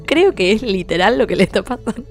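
A woman's voice: mid-range voice, sing-song, quick pace, faint music behind. A woman co-hosting a podcast, retelling scenes in a casual, wry way with dry humor. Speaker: podcast co-host. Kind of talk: casual chat retelling a story.

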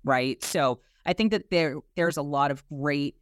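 Low-key Boston woman in an interview, closely recorded. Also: unhurried, clear, resonant tone, no room sound, studio quality. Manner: emphatic, often ends points with a questioning tag. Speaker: interview guest, human resources executive. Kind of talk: conversational interview answers.

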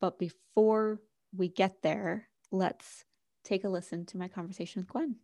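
A woman's voice: mid-range voice, steady tone, unhurried, gravelly. A woman hosting a marketing podcast, introducing her guest and opening the interview in an upbeat, enthusiastic way. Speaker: podcast host.

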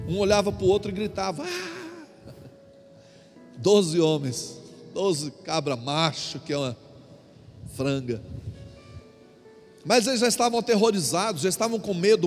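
A high-voiced Brazilian man preaches a Sunday sermon, telling lively stories and acting out the people in them with humor. His voice rings through a church hall with a long reverb, and soft music sits beneath it. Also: slightly rough. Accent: Brazilian Portuguese. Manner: animated storytelling preacher, acts out quotes with jokes. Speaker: apostle preaching.

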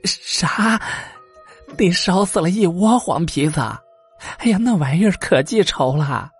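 An anxious elderly village wife, as a male storyteller puts her on, her voice raised and pleading. The tone is husky, with faint music behind the storytelling. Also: high-pitched, very animated, normal speed, voice pushed up, exaggerated voice. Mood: alarmed. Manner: pleading, fretful.

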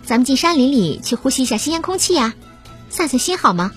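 Woman doing sweet-then-sneering young poisoner, lively pitch. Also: fairly quick, soft background music. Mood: coaxing. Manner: sugary at first, then sneering and cold.

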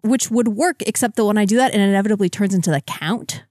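A woman's voice: medium pitch, darkish tone, no room sound, clean studio sound. Wry woman co-hosting a comics podcast. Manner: wry, joking, quick asides. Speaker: podcast co-host. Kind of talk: casual chat recapping comics.

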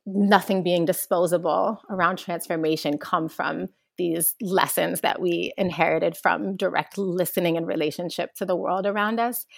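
Young woman guest, earnest and reflective, slightly low voice, dry close mic. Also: vocal fry, no room sound. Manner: earnest, flowing, animated when recounting childhood. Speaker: guest, organizer. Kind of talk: reflective interview answer.

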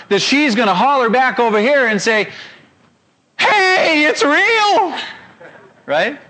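A male pastor delivering a sermon, animated and constantly asking his audience questions. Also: on the high side.

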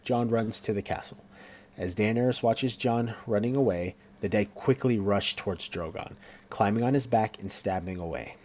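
Low-voiced man recapping scenes. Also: moderate pace, darkish tone. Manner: reads along with fillers and self-corrections. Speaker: co-host recapping a TV episode.

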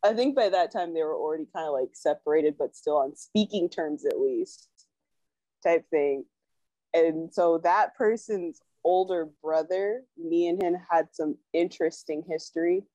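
Young woman host telling a story, acts out quotes, dark mellow voice, dry close sound. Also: on the low side, a little slow, dry recording. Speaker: podcast co-host. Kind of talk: casual storytelling chat. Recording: dull lo-fi sound.

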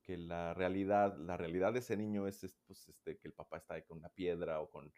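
A man who works in child welfare, explaining in a casual conversation and acting out loud and hushed examples. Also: sits low, fairly even intonation, a little fast.

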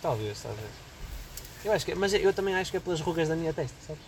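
A young man with a Portuguese accent talks fast and high, joking and slangy as he chats with a friend. He acts out the people in his stories. A faint hum of ambience sits behind him. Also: expressive. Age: young adult. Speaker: podcast co-host. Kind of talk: casual chat.

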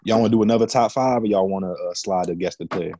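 Low-voiced man hosting casual slangy chat. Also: quick pace, mellow, no room sound. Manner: slangy, questioning. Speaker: podcast host.

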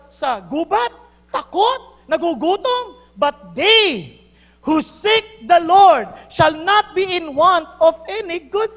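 A woman preaching a sermon, mixing Tagalog and English, telling stories with laughter. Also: very high voice. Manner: mixes Tagalog and English, animated storytelling with laughs. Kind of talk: sermon with storytelling. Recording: reverberant hall.

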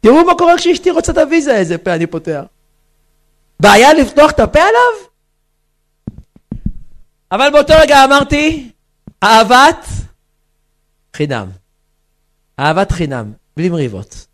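Lively high-voiced rabbi. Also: male voice, pauses often. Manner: animated, acts out characters, asks the audience questions. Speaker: rabbi giving a talk to women. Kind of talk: humorous storytelling lecture.

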